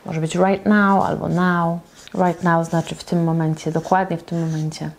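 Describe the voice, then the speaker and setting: A woman teaching English in a slow, patient lesson at a whiteboard, repeating each example phrase several times. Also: on the low side, flat delivery, vocal fry.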